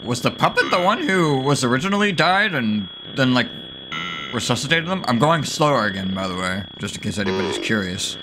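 Excitable young man with a very animated voice. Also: medium pitch, brisk, noisy background. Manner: excitable, exclaiming, swearing, playful silly wordplay. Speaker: video game streamer. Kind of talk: horror game let's play commentary.

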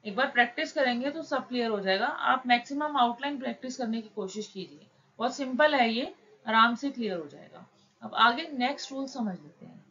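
A woman teaching shorthand, explaining each word slowly and patiently, step by step. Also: lively intonation, pushed and bright. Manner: slow, patient, drawn-out words. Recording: dull low-fi recording with faint noise.

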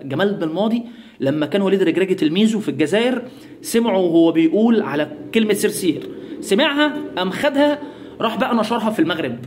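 A man's voice: a little high, darkish tone. A man from Egypt with an Egyptian Arabic accent, giving sarcastic, mocking commentary in a comedic vlog. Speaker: YouTuber.

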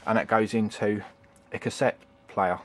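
A middle-aged man with a lowish, level voice walks through a retro computing demo at normal speed. He's indoors at his home computer desk, filming on a handheld camera with its built-in microphone, and his casual, unplanned explanation meanders, falters, and circles back on itself.

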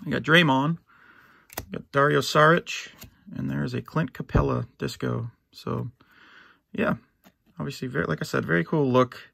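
A middle-aged man opening a box of sports cards for his channel, easygoing and rambling with lots of fillers and restarts, a little hoarse and clearing his throat now and then. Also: mid-range voice, fairly even intonation, normal speed, pauses often, fairly bright tone, no echo. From United States. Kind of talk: casual box-break commentary. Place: at home, in his basement.

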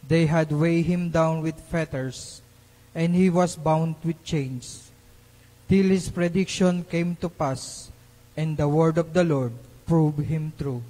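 A man speaks in a large echoing church with long reverb. His voice sits a little high for a man. He reads scripture as a lector, slowly and deliberately, in a solemn, formal style. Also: fairly even intonation, dark tone. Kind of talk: solemn liturgical scripture reading. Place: large church during Mass.

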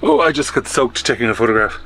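Talking quickly in a mid-range voice, this travel vlogger chats cheerfully and wryly, holding his camera at arm's length both out in the rain and inside his campervan. Music runs beneath his casual narration.

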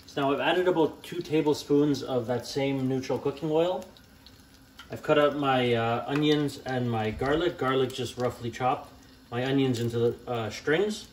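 Standing at the stove in his home kitchen, a young home cooking channel host walks through a recipe step by step in a casual, unhurried voice of ordinary pitch. He's relaxed and plain-spoken, often filling pauses with "uh" and "um" and making small self-corrections, while faint kitchen noise and a frying hum sit in the background.

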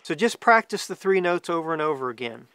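Brief: male instructor, forties, from the US, slightly high smooth voice, relaxed explanatory delivery to camera. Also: fairly quick, no room sound. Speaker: duck hunting guide and calling instructor. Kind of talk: informal instructional talk to camera. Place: outdoors among trees, seated.

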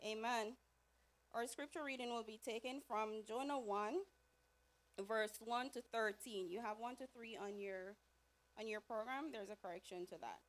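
A woman leading a church service, announcing a hymn and reading scripture with a few slips, heard from a podium mic in a sanctuary. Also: on the high side. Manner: measured reading with small slips. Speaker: service leader.

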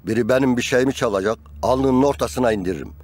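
A man's voice: medium pitch, fast talker, noisy background, close to an everyday voice. A man in his sixties playing a grumpy, disapproving old village grandfather in a TV comedy-drama, blunt and scolding. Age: 60s.

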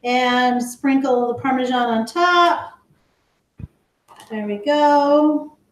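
Slow, chatty woman teaching kids to cook. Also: high voice, reverberant. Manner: chatty, slow and explanatory, talks to viewers as guys. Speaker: kids cooking class teacher. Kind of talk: live online cooking lesson. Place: home kitchen.

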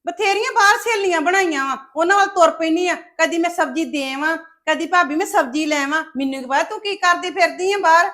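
An actress playing a scheming, sharp-tongued sister-in-law who accuses and taunts the family. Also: female voice, very high voice, a little fast, hardly any pauses. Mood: accusing. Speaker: actor in a family web drama.

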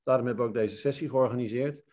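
A man's voice: mid-range voice, quick pace, darkish tone. A man in his fifties gives closing remarks over a video call in a mid-range voice. He sounds friendly and encouraging, with a few fillers. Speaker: team lead. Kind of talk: closing remarks in an online meeting.

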